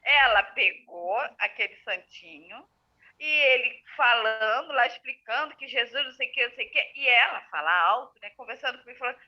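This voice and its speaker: A woman telling stories in a casual chat, lively and expressive. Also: fairly high pitch, fairly quick. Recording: tinny lo-fi phone line.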